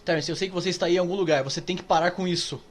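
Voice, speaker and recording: Man reading as a determined hero, earnest, urgent, slightly high voice. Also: steady tone, racing, close to an everyday voice.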